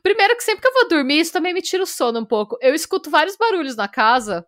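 High, animated Brazilian woman storyteller. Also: quick pace. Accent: Brazilian Portuguese. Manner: animated, laughing, stumbles over words when excited. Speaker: podcast co-host. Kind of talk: casual storytelling chat.

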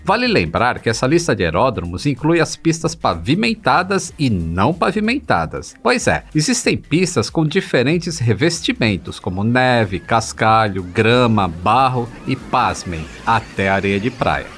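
A man's voice: mid-range voice, sing-song, a little slow, few pauses, fairly bright tone, husky. A Brazilian man hosting a podcast, reading a script in a playful way and addressing listeners directly. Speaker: podcast host. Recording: background music. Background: music.

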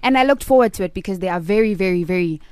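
A young woman singer with a South African accent, speaking softly and shyly with frequent giggles as a guest on a radio show. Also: mid-range voice, animated, very fast, clear, resonant tone, no echo. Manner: soft-spoken, giggly, reserved. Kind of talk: radio interview.

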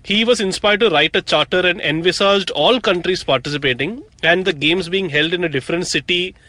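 A young man from South India chats through history on a podcast, joking and filling gaps with "uh" as he goes. His voice sits a bit high for a man. The recording is dry and close, with no room sound. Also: brisk, sharp tone, no room sound. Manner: chatty, jokey storyteller with frequent fillers. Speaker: podcast co-host. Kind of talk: casual chat.

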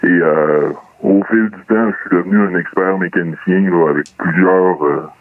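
A man with a disguised, pitched-down voice, telling his story as a radio guest in a halting way with many pauses. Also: no room sound. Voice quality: hesitant, many filler pauses. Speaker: radio guest, mechanics teacher. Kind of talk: casual radio call-in confession. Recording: thin phone-like line, dry.

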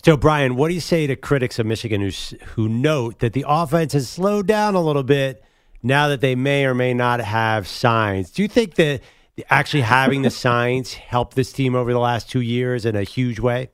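A man's voice: medium pitch, moderate pace, smooth, no echo, clean studio sound. A man co-hosting a sports radio show, putting a probing question to a guest. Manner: probing, chuckling mid-question.

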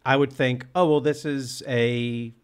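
A man's voice: medium pitch, fairly even intonation, unhurried, smooth. A man hosting a casual film discussion, talking with enthusiasm and restarting often as he searches for words. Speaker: podcast host.

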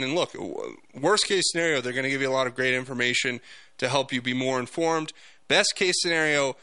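A man hosting a political talk podcast, speaking off the cuff in a halting but emphatic monologue. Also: mid-range voice, pushed and bright, clean tone, dry recording.

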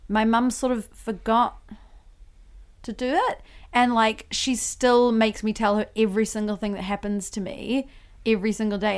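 Chatty teasing young woman host. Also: medium pitch. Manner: chatty, teasing, quick interjections. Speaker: podcast host. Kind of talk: casual chat.

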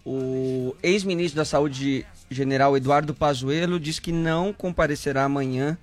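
A man hosting a live online talk show, passing on a news item in a measured, informative way. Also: fairly high pitch, steady tone. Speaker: host.

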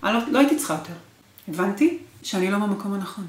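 A woman's voice: mid-range voice, lively intonation. A woman in her forties in an interview, recounting her marriage with emotional, repetitive intensity. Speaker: guest. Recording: roomy echo.

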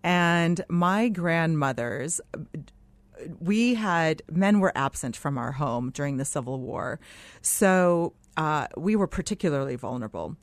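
Low-pitched, expressive and unhurried, this woman's voice has no room sound around it. She's a middle-aged political candidate from Lebanon, guesting in a radio studio on a close microphone, earnestly and emphatically laying out her views with plenty of asides.

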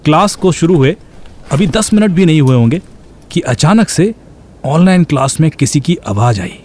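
A man's voice: on the high side, animated, normal speed, darkish tone, a little hiss or hum. A man narrating a scripted suspense story in a dramatic way.

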